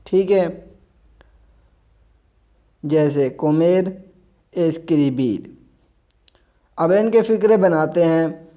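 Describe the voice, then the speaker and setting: A man's voice: high-pitched, mellow, muffled recording. A man with an Urdu accent teaching a spoken language lesson, spelling out letters and repeating example sentences.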